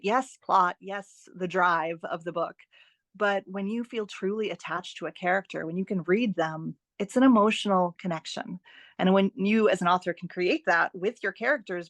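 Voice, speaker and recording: In a podcast interview, a female guest explains and gives advice in a fairly low, slightly bright voice, captured in a dry recording. She speaks with emphasis and encouragement, frequently throwing out rhetorical questions.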